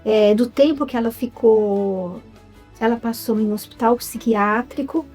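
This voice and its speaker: Faint music sits under the voice of this interview guest, a writer and film producer with a Brazilian Portuguese accent. Slightly high and darkish in tone, she speaks unhurriedly while telling her story in a cheerful way.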